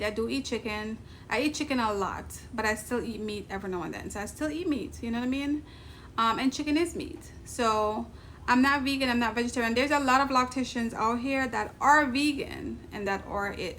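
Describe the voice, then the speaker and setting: In her vlog, a woman from Jamaica speaks to the camera in a relaxed, Jamaican-accented way, frequently laughing and dropping in emphatic side comments. She has a fairly high, slightly bright voice, and a little noise sits in the background.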